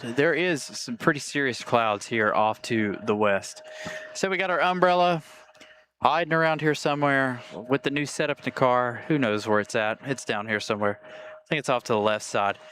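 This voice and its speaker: A man's voice: mid-range voice, moderate pace, a bit bright. A man hosting a plane spotting livestream with casual, conversational live commentary. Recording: faint ambient noise.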